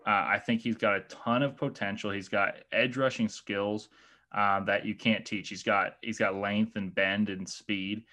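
A man's voice: on the low side, steady tone, a little slow, bright, forceful tone. A man talking through football draft picks in a casual podcast chat, thoughtful and hesitant, with many fillers and restarts, and bothered by the hiccups. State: has the hiccups. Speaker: guest analyst.

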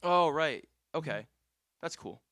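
A man's voice: a little high, slow, no room sound. Young male interview host, clean resonant voice, close and dry, easygoing fillers. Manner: relaxed, filler-heavy, friendly questioning. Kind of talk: casual interview questions. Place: music venue after a live set.

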